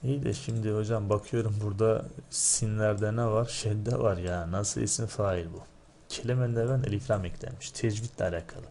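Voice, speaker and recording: Low-voiced male teacher explaining patiently. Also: a little mellow, slight background noise. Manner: explanatory, asks rhetorical questions and often checks with "değil mi?"; recites word forms in a drilled, chanting rhythm. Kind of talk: recorded lesson going over exam answers.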